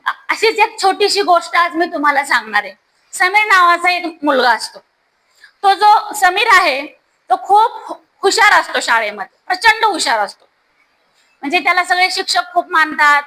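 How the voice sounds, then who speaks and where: A woman's voice: very high voice, bright, forceful tone, low-quality recording. A woman teacher explaining a devotional verse to schoolchildren in a storytelling way, speaking directly to the students.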